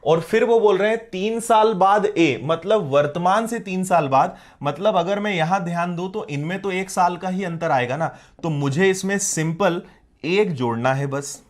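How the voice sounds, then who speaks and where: A man's voice: high-pitched, normal speed. A male maths teacher with a Hindi accent, explaining a problem step by step in a live online class and often asking whether students follow.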